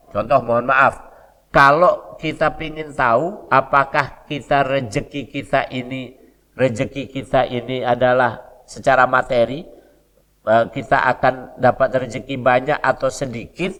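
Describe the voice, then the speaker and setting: An older man with a Palembang Malay accent giving a mosque lecture, telling stories in a relaxed conversational way with dialect asides. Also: mid-range voice. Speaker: preacher. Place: mosque hall. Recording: long reverb of a mosque hall.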